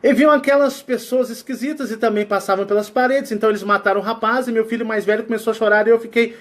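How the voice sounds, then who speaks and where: A man with a Brazilian Portuguese accent giving a casual spiritual talk, sweating and animated as he acts out sounds and quotes. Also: sits high, fast. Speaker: spiritual channel host.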